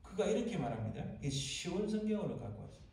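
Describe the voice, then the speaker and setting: A man's voice: high-pitched, sing-song, fast, a little mellow. Pastor guy preaching, dramatic, acts out the quotes, mic far off, big echo church. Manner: dramatic sermon delivery, acting out cries and quotes. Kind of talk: sermon. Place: church sanctuary. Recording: echoey church sanctuary, voice from far off.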